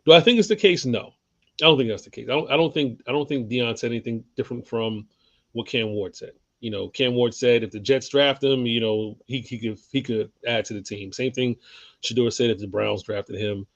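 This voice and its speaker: A man's voice: mid-range voice, fairly quick, no room sound, muffled recording. A man co-hosting a sports podcast, talking bluntly with lots of swearing and frequent laughs. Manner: profane, blunt, laughing often. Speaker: podcast co-host. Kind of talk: casual sports chat.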